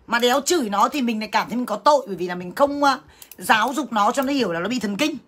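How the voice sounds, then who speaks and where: A woman's voice: fairly high pitch, animated, fast, fairly bright tone, breathy edge. A woman ranting crudely to her livestream viewers, cursing and scolding in a blunt, combative way. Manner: talks straight to viewers as sisters. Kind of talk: angry livestream rant.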